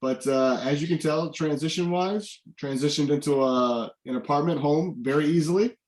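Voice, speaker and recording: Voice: medium pitch, moderate pace, a little mellow. A host running a virtual adoption event on a video call, upbeat and talking straight to viewers as guys. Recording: echoey room on video call.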